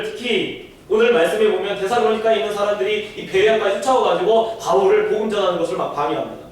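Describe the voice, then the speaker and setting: A man preaching a sermon as pastor, telling stories and asking rhetorical questions. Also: high-pitched. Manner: storytelling, rhetorical questions, animated. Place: church sanctuary. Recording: echoey hall, distant mic, faint noise.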